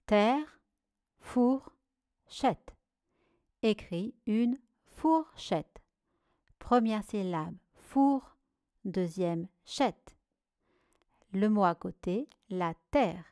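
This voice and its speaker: Female teacher, slow deliberate dictation for children, dry sound. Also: mid-range voice, expressive, warm tone, dry recording. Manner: slow, carefully articulated syllables.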